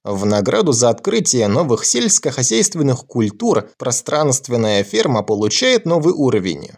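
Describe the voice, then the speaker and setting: A man voicing the flat, mechanical system voice of a magic farm, reporting its computer processing step by step in an audiobook reading. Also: mid-range voice, moderate pace. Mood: announcing.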